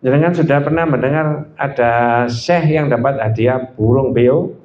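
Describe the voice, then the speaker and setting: A man with a Surabaya accent preaching a sermon, animated, quizzing his listeners with questions. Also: medium pitch, unhurried. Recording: echoey lo-fi hall.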